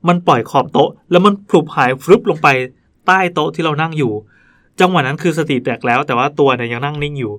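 A man's voice: on the high side, quick pace, a bit bright. A male podcast host reading listener ghost stories aloud in a chatty way, stopping now and then to comment. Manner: chatty, breaks off to joke and comment.

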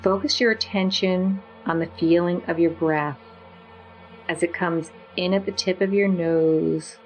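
Woman, meditation guide, very slow and gentle, lowish voice, faint music under. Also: steady tone, dull audio. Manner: slow, soothing, gentle instructions.

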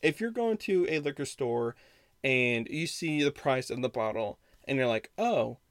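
A male podcast host tells a story in a loose, rambling way, restarting sentences as he goes. His voice sits in a middle pitch. The recording is dry, with no room sound. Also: animated, measured pace, dry recording. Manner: rambling, frequent restarts and self-corrections. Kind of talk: casual storytelling monologue.

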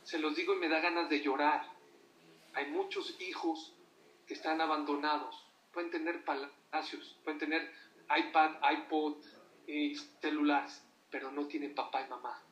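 A man's voice: on the high side, steady tone, normal speed, fairly bright tone. A man giving an emphatic sermon to an audience, often putting rhetorical questions to them. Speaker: religious teacher addressing an audience. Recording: echoey room, voice from far off.

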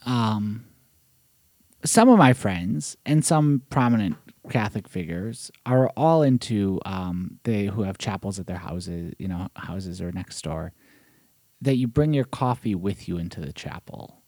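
A man's voice: on the low side, animated, measured pace, darkish tone, no room sound. A man hosting a podcast in natural, unscripted casual talk, with a probing, teasing way of talking. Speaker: podcast host.

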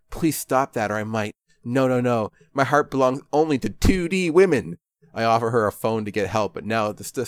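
A man's voice: on the low side, dry recording. Sarcastic man narrating a game. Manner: sarcastic, self-mocking. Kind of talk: comedic playthrough narration.

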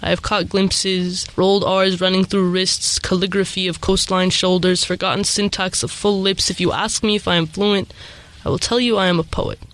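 A woman's voice: mid-range voice, flat delivery, normal speed, fairly bright tone. A young American woman from California, speaking as a guest poet on the radio. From California, United States. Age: young adult. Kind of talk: radio interview and poetry reading.

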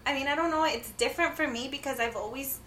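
Young woman's bright voice in an echoey room. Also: high-pitched, fast talker, a little hiss or hum. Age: 20s. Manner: hesitant, repeats her words. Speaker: podcast guest. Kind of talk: casual chat.

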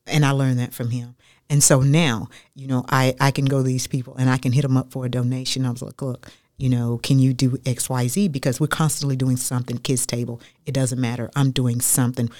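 A woman, a radio guest telling her life story in an animated, chatty way that repeats phrases for emphasis. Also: a bass voice, dry recording, studio quality. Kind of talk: casual storytelling interview.

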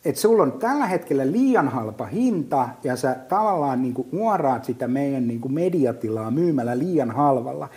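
With a medium-pitched, slightly rough voice and few pauses, this middle-aged business guest chats casually on a podcast. His stories come out vivid and animated, packed with fillers and restarted sentences.

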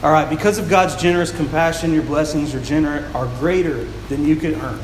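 A pastor with a gentle, slightly high-pitched male voice delivers a sermon with scripture reading, speaking fairly quickly into a handheld microphone. He tends to repeat words while working out each point. His voice echoes through a large church hall over constant background noise.

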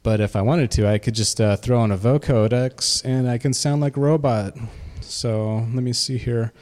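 A man giving a casual, halting demo of his music software, with a reverb effect on his voice. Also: mid-range voice, steady tone. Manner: halting, many fillers. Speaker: music producer.

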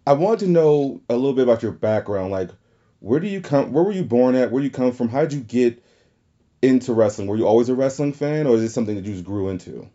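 A man's voice: medium pitch, lively intonation, fast, dark tone, lo-fi sound. A man with a Southern American accent hosting a casual interview podcast like a talk show host.

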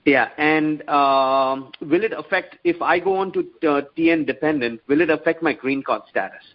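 A man calling into a radio advice show over the phone, laying out his situation politely and haltingly. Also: fairly high pitch. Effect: phone call heard on air. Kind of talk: call-in question. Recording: dull phone-line sound.

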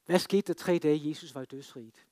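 A man delivers a sermon in a somewhat high voice. He tells it like a drama, pressing hard on some lines and dropping almost to a whisper on others. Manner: dramatic storytelling, swinging between emphatic and hushed. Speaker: preacher. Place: free church.

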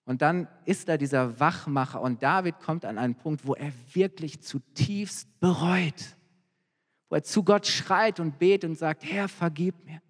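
A man's voice: a little high, unhurried. A man preaching a sermon in a church hall, retelling a story earnestly and with rising emphasis. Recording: long hall reverb.

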